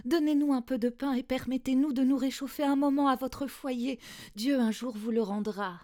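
A woman voicing a poor, exhausted young mother who pleads softly for help. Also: mid-range voice, normal speed, natural voice. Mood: pleading. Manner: soft, imploring.

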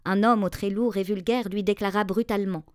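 A woman narrating a fairy tale in a measured, expressive reading voice. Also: medium pitch, dry recording, studio quality. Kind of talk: storybook narration.

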